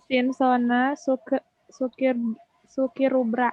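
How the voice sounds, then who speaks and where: A woman's voice: high-pitched, completely flat delivery, slow pace, dull audio. A woman, a student stumbling through words as she reads aloud in class. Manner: stumbling over words while reading.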